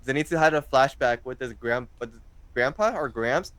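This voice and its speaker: In a casual interview, the guest, a man in his twenties, comes across as hesitant, wandering through his answers with many fillers. His voice is medium-pitched and a bit bright at a moderate pace, with no room sound.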